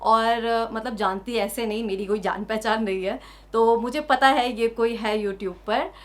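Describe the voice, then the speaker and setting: A woman's voice: on the high side, fairly even intonation, a little slow. A young woman giving an indignant opinion rant on her vlog, full of emphatic rhetorical questions.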